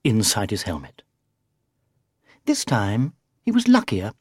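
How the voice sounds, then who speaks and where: A storybook narrator with a husky, breathy voice that swings widely up and down as the tale unfolds. The reading is expressive and sometimes sinks to a whisper for effect. The sound is dry and close. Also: mid-range voice, slow, no echo.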